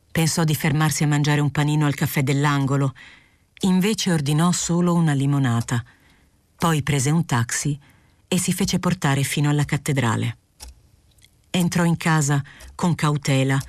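A woman narrating a literary novel aloud in a steady, clear, unhurried audiobook reading. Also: sits low, no room sound. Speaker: audiobook reader.

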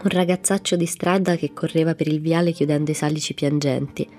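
A woman reading a classic children's storybook aloud in a calm, even manner. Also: sits low, a little fast, soft background music. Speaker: audiobook narrator.

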